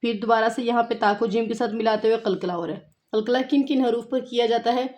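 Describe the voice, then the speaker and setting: A woman teaching a tajweed lesson, explaining rules and slowly repeating words to show how they are pronounced. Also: on the high side, steady tone, a little mellow. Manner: patient, repeats words slowly to demonstrate pronunciation. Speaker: Quran recitation teacher.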